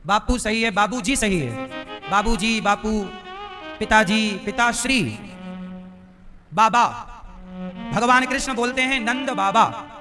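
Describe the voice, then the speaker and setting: A man's voice: high-pitched, slow, long pauses, music in the background. A man giving a live devotional discourse, teasing and quizzing his audience with questions. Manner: teasing, quizzing listeners directly. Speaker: preacher. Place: live religious gathering.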